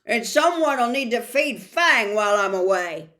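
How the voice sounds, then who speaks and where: Woman as Hagrid, loud, rough, hot-tempered giant. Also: fairly high pitch, animated, normal speed. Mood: gruff, deliberate. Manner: roaring, blunt, loud. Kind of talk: storybook character reading.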